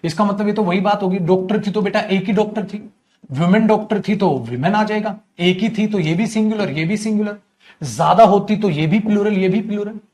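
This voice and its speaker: Male grammar teacher, high-pitched, animated, coaxing online lecture delivery. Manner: animated, addresses students as "beta"; drawls sentences slowly while writing. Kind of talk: online exam-prep lecture.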